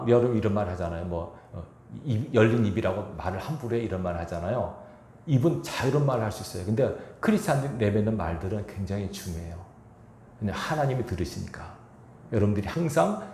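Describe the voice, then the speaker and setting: A male pastor preaching a sermon, animated, acting out quoted speech and asking the congregation questions. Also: lowish voice, vocal fry, reverberant, slight background noise. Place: church sanctuary.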